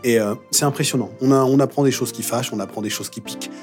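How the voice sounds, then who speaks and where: A man from France, a musical theatre performer and dubbing actor, chatting playfully as a guest in a casual podcast interview, joking and telling stories with expressive energy. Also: mid-range voice, fast talker, over music. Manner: playful, jokey, expressive storyteller.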